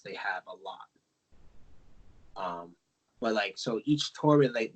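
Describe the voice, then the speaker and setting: A man's voice: mid-range voice, breathy edge, low-quality recording. Rambling American man on a podcast. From United States. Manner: rambling, self-correcting, many fillers. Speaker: podcast co-host. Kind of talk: casual podcast chat.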